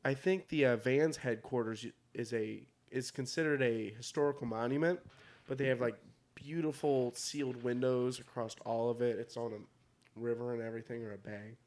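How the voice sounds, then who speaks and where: A man's voice: medium pitch, fairly even intonation, moderate pace, a little mellow. Laid-back male podcast co-host. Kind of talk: casual chat.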